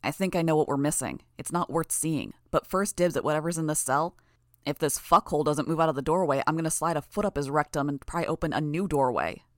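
A woman reading aloud voices a coarse, bullying male thug who shouts threats. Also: sits low, a little fast, no room sound, clean studio sound, natural voice. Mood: crude. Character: crude aggressive male thug in corridor.

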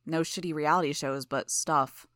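A woman narrator reads a laid-back young man who speaks with wry, offhand ease. The voice is low and close to the narration, with a dry sound. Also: fairly even intonation, moderate pace, a bit bright, no echo.

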